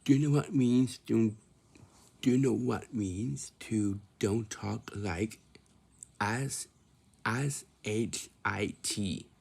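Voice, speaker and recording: Slow, gravelly young man. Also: lowish voice, darkish tone. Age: 20s. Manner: repetitive, asks himself questions and answers them. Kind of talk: casual talk to camera.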